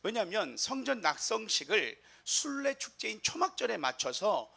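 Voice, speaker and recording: A man's voice: high-pitched, very animated, moderate pace, vocal fry, pushed and bright. A man preaching a sermon as pastor, in a humorous, chatty way with the congregation.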